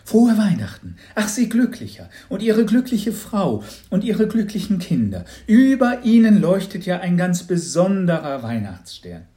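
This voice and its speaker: A man voicing an effusive, theatrical neighbor woman in disguise, talking in a high, shrill, gushing way in a storybook reading. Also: huge pitch swings, unhurried, hardly any pauses, mellow, heavily acted.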